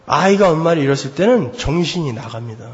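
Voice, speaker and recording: A male pastor preaching a sermon, swinging from quiet asides to shouted, pleading cries. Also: a little high, animated, fast talker, in a large hall, highs cut off.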